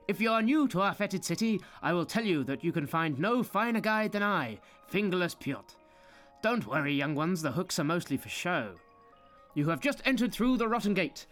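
A man's voice: a little high, fairly bright tone. A man voicing a sly, grim male city tour guide in a fantasy story, theatrical and sardonic, relishing grisly details. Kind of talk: scripted fantasy narration.

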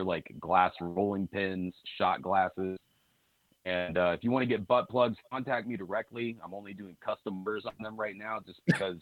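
A very low-voiced man speaks as a podcast guest over a remote call line that keeps breaking up. His voice comes through dull and lo-fi, yet dry and close. He talks in a halting, deadpan way. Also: dry recording. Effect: remote call audio breaking up.

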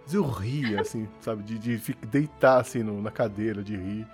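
A man co-hosting a casual podcast, telling a funny story in a lively way and laughing often. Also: lowish voice, normal speed, soft background music. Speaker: podcast co-host.

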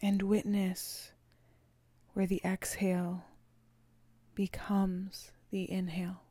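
A woman leading a guided meditation, speaking slowly and softly, often dropping into a whisper. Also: medium pitch, completely flat delivery, no echo. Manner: slow, soft and soothing, often whispered.

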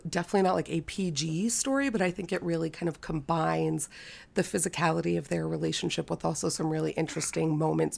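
Low, scratchy woman with vocal fry. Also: darkish tone. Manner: hesitant, conversational, with frequent "like" and "kind of". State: recovering from a cold, scratchy throat. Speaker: podcast co-host. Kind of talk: casual book discussion podcast.

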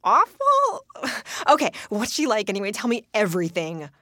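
A woman playing a gushing, excitable young cook. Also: mid-range voice, brisk, no echo, clean studio sound, natural voice. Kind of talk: audio drama acting.

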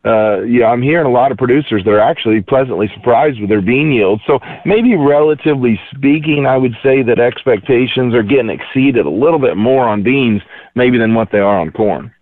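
Heard over a thin, tinny phone line, a man gives casual market commentary in a folksy, rambling way, full of "you know" and "uh". His pitch sits in an ordinary middle range. The line is dry and close, with no room sound. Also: brisk, no echo. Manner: folksy, rambling with many fillers. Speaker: market analyst guest.

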